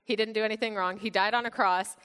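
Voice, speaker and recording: A woman's voice: mid-range voice, fairly even intonation, fast, fairly bright tone, smooth. A young woman from Bulgaria sharing her testimony with a youth group, upbeat and chatty with many fillers. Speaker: youth speaker. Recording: long hall reverb.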